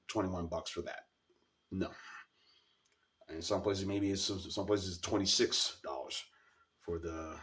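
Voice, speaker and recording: Very deep, scratchy-throated man reviewing casually. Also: far from the mic. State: scratchy, sore-sounding throat. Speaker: beer review video host.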